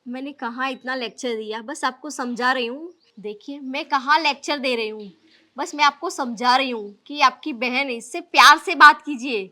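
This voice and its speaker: Woman playing a pleading sister-in-law, high-pitched, bright, earnest. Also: normal speed. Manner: pleading, reasoning. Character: earnest young woman reasoning with a brother-in-law. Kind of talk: scripted family drama acting.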